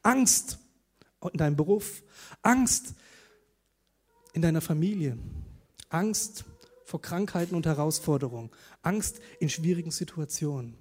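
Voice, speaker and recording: Husky, high-voiced male preacher. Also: a little slow, long pauses. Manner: conversational, animated storytelling with tag questions. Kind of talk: sermon.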